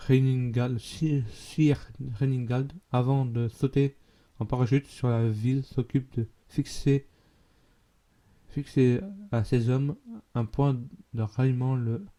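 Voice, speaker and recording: A man's voice: medium pitch, steady tone, takes it slowly, pauses often, dark tone. A man with a Belgian French accent, chatting casually to his viewers, rambling and often stumbling over words and correcting himself. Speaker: YouTuber. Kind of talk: casual vlog talk.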